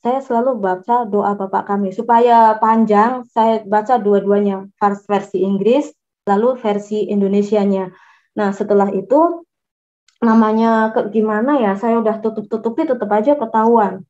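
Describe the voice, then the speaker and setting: A woman from Java telling her conversion testimony in a halting way, with many restarts and fillers. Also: mid-range voice, dark tone. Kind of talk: personal testimony storytelling. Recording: dull lo-fi recording.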